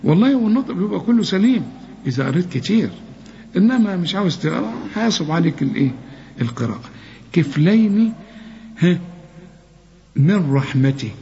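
A man with an Egyptian Arabic accent teaching Quran recitation rules, explaining step by step and slowly chanting the verse examples. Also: on the high side, a little mellow, a little hiss or hum. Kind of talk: tajweed lesson. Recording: lo-fi muffled recording.

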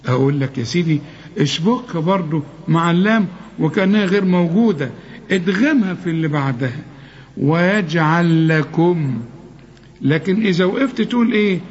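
Man, Egyptian Arabic accent, recitation teacher, slightly high voice, muffled lo-fi sound. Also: a little mellow, slight background noise. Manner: explains step by step, checks "got it?", chants verse examples slowly. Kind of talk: tajweed lesson. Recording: lo-fi muffled recording.

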